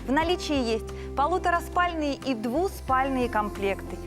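A woman presenting a gushing infomercial sales pitch as a TV shopping host, lingering on descriptive words for emphasis. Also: lively intonation. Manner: gushing, drawn-out emphasis on sensual adjectives. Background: background music.

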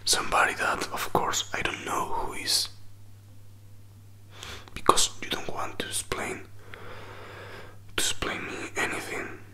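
Man acting a whispering jealous boyfriend, slow whispered role-play. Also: bright, forceful tone. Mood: hurt, confused. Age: 20s. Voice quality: breathy whisper. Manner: halting, repetitive, non-native English phrasing. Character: jealous, hurt young boyfriend pleading for explanations. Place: small indoor room. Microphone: close desk microphone with furry windscreen.

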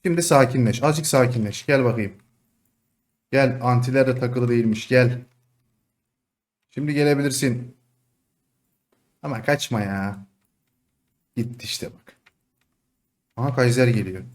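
A young man commentating his own online game match, excitable, taunting opponents with sudden shouts and dropping to low mutters. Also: moderate pace, long pauses. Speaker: gaming streamer. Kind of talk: live gameplay commentary.

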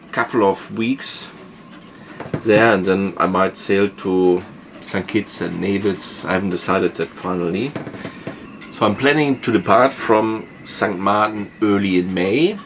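A man in his fifties, a native German speaker, calmly explaining his sailing plans from the saloon of his boat. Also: lowish voice, a little hiss or hum. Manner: measured, explains step by step with small fillers. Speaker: sailing vlogger. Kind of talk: casual planning talk to camera. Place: wood-panelled boat saloon, later on deck in a marina.

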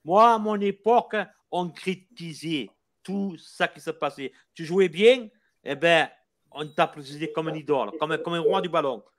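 A man's voice: a little high, unhurried. Passionate older man with a Marseille accent. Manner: passionate, emphatic, repeats himself. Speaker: football supporter. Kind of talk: casual chat.

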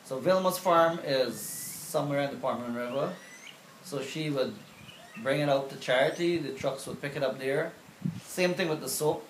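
Middle-aged man from Guyana, aid worker, measured talk, fillers, nearby camera on an outdoor veranda, roomy echo, faint hiss. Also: mid-range voice. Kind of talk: casual interview. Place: covered veranda outdoors, overlooking a field. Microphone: camera at close range.

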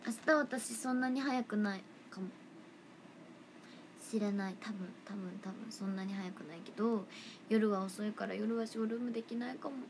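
A young woman idol chatting casually on a livestream, reading fan comments in a playful, chatty way that sometimes drops into soft whispers, close to the mic. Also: mid-range voice, fairly even intonation, normal speed, background noise.

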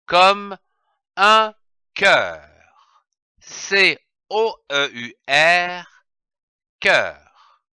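Man, reading teacher, very slow, bright clear voice, dry close sound. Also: high voice, lively intonation, no room sound. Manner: spells out letters one by one and repeats syllables. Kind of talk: slow, deliberate reading lesson for young children.

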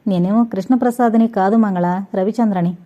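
A woman's voice: medium pitch, fairly quick, dark tone, close to an everyday voice. A woman voicing a fearless, teasing young man in an audio novel, in a playful, self-assured manner, on dull lo-fi audio. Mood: confident.

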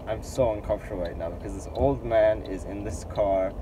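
There's a noisy background as this young adult vlogger, his voice fairly low and brisk, chats loosely to his arm's-length camera or phone. The setting moves from a parked car to a small store fitting room, and his slangy, meandering talk is packed with "like."

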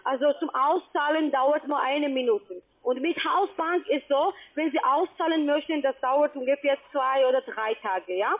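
Selling an investment scheme by phone, this female agent speaks German as a non-native, with a noticeable foreign accent. Her pitch comes out in short, simple phrases, halting and peppered with questions to confirm she's understood. The phone-line recording sounds thin and tinny.

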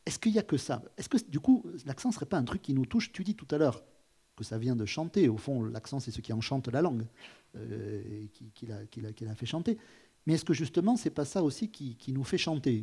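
A man's voice: medium pitch, expressive, fairly quick, mellow, husky. A man hosting a live stage conversation, speaking thoughtfully with many restarts and putting questions to his guest. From France. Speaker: host of a public talk. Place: auditorium.

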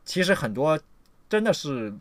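A man giving a ranting livestream lecture, scolding his audience and swearing often, jumping between loud outbursts and low muttering. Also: big pitch swings, moderate pace, no echo. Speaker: livestream lecturer on political theory.

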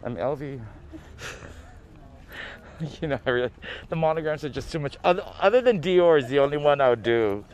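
In this casual walk-and-talk vlog, a Guamanian man films an outdoor flea market on his phone, chatty and self-amused, speaking to his "peeps" over loud music. His slightly high, smooth voice has lively intonation and a brisk pace broken by frequent pauses.

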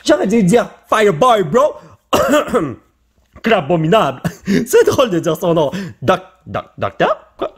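Excitable Quebec French man, high husky voice. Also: a little slow. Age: adult father. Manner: excitable, jokey, drops English slang. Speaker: YouTuber opening card packs. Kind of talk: casual pack-opening commentary.

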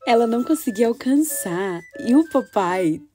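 A woman voicing an excited, sentimental little girl who confides in her diary, in a children's story. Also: on the high side, normal speed, soft background music, lightly acted. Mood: delighted. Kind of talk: first-person children's story reading.

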